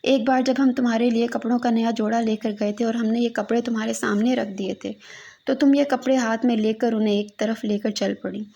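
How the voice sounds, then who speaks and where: A woman's voice: fairly high pitch, fairly even intonation, vocal fry, mellow, dull audio. A woman reading a literary story aloud as a mournful lament to a lost daughter.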